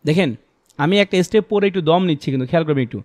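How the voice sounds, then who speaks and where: A male teacher with a Bangladeshi accent, explaining to a class and reading English phrases word by word with pauses. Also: a little high, darkish tone, no echo, studio quality.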